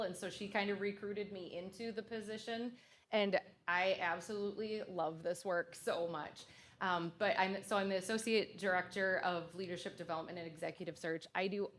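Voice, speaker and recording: A woman consultant with a mid-range voice presents to a school board at a public meeting. Her delivery is conversational and loose, with frequent fillers and restarts.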